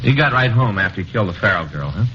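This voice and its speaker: Brief: actor as a low-voiced, quick interrogating detective in a vintage radio crime play, muffled and noisy. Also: male voice, expressive, natural voice. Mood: probing. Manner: blunt, probing questions. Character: steady male police detective partner. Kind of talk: 1950s radio drama acting. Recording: dull, noisy 1950 radio transcription.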